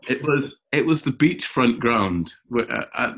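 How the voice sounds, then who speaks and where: A man who is a cricketer guest on a podcast, telling animated stories in casual chat and often repeating words as he gets going. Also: mid-range voice, unhurried. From Scotland.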